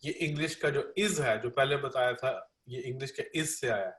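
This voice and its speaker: A man's voice: medium pitch, moderate pace, fairly bright tone. Man interpreting a lecture, echoey room. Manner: repeats each line, uses many fillers.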